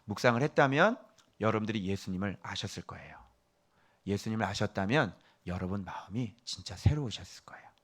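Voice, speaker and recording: A middle-aged male pastor delivering a sermon, scolding and quizzing his listeners, jumping from loud emphasis down to hushed whispers. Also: fairly low pitch, expressive, brisk. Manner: scolding, asks the congregation questions.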